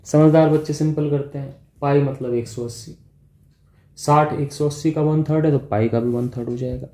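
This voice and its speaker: A man's voice: on the high side, steady tone, moderate pace, warm tone. A man teaching physics in a classroom-style lecture, explaining step by step and often checking in with his students. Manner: speaks directly to students as "बच्चों" and "भाई".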